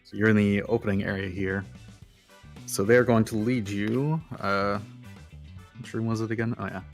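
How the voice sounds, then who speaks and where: A man's voice: fairly low pitch, fairly even intonation, normal speed, faint music behind. A man narrating as dungeon master in a casual tabletop game, describing scenes in a loose way, full of uh and like. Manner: loose, filler-heavy narration with frequent uh and like.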